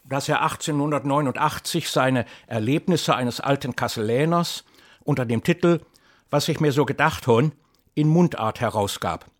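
A middle-aged man reading an introduction and then telling a story with measured, lively delivery. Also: medium pitch. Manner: measured, lively storytelling, slips into dialect for the tale. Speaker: narrator and reader.

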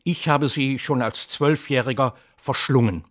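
A middle-aged man reading an introduction and then telling a story with measured, lively delivery. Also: mid-range voice. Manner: measured, lively storytelling, slips into dialect for the tale. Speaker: narrator and reader.

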